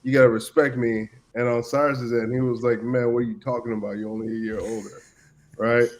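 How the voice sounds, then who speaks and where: A Cameroonian man in his thirties, a former player appearing as a podcast guest, tells stories about his past in a casual, easygoing chat. His mid-range voice is flat and a little fast, with many "you know" fillers and restarts, over slight background noise.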